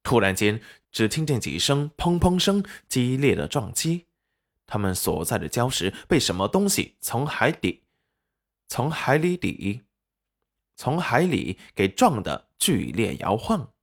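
A man narrating a serialized web novel audiobook with expressive storytelling. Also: medium pitch, a little slow, vocal fry.

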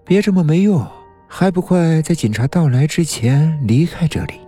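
Demonic look-alike double for a storybook reading: cold, tempting, mellow lowish voice, a man putting it on over faint music. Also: lively intonation, moderate pace, slightly rough. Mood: scolding. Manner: low coaxing demonic murmur. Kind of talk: audiobook narration with acted voices.

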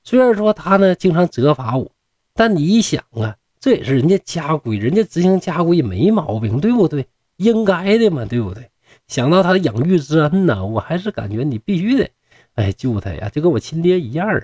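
A man's voice: on the high side, very animated, brisk, a little mellow, no room sound, voice pushed up. A man voicing a young fox-spirit woman who speaks sweetly and earnestly. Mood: coaxing.

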